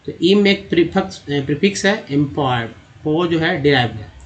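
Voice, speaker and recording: Guy teaching english reading off slides, spells letters out, sounds out word parts over and over, voice a bit high. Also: lively intonation, normal speed, muffled recording, a little hiss or hum. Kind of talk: slide-based lesson.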